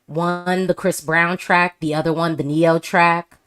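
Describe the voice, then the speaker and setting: A woman's voice: fairly low pitch, flat delivery, unhurried, fairly bright tone, clean tone. A woman hosting a casual video-call chat, talking emphatically with frequent restarts. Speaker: host.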